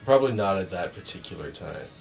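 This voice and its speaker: Quiet guy, kinda hesitant, lots of uhs, faint music behind. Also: low voice, expressive, fast talker, gravelly. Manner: hesitant and soft, with fillers. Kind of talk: casual group chat about dreams.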